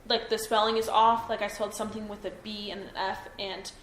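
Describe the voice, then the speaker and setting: A woman's voice: medium pitch, level tone, fairly quick, fairly bright tone. A young woman being interviewed by police, hesitant and full of ums and self-doubt. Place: interview room. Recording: echoey room, faint noise.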